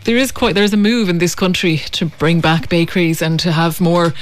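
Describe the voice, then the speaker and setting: A woman's voice: lowish voice, fairly even intonation, fairly quick. Female guest, explanatory, hesitant delivery, casual studio chat. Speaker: baking guest. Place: radio studio.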